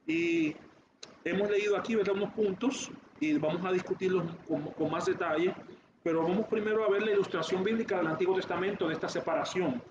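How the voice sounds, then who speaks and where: A man preaching a Bible sermon to his congregation, halting with restarts and frequent "¿verdad?" asides. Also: sits high. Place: church hall. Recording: echoey room, dull lo-fi sound with noise.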